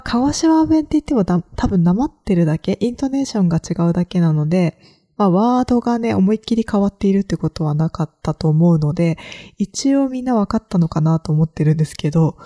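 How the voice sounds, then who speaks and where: A woman's voice: on the low side, lively intonation, a little fast, mellow. A woman from Kagoshima hosting a solo podcast, talking in a reflective, hesitant way with many fillers. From Kagoshima, Japan. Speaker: podcast host. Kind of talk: solo casual podcast talk.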